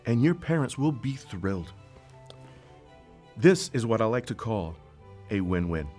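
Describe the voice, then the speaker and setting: A grandiose, fussy host figure in a comedy skit, played by a man. His pitch swoops widely as he lays each phrase out with lofty over-deliberation. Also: big pitch swings, measured pace, a little mellow, faint music behind. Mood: pompous. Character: pompous self-important male advice-show host.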